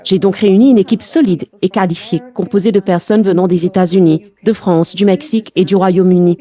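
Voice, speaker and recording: A woman hosting a panel conversation, speaking in a measured, earnest way. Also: on the low side, steady tone, mellow. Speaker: host. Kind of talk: scripted introduction and moderating.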